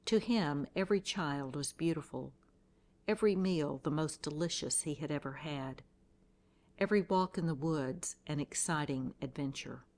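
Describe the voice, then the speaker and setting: A woman reading a scripted devotional in a calm, reflective, measured way. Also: low voice. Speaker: devotional reader.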